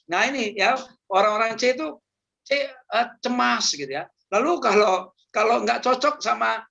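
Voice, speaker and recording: High, gravelly-voiced man joking with youth. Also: expressive, normal speed, sharp tone, lo-fi sound. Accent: Indonesian. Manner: chatty, joking, repeats words, laughs often. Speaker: youth seminar speaker. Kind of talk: casual humorous talk on personality types.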